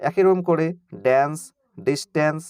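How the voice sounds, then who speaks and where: In a clear, resonant voice that is fairly high yet darkish, a male English reading teacher talks at a moderate pace during an online class. He spells words letter by letter, then pronounces them, addressing students informally and directly. The recording is dry with clean studio sound.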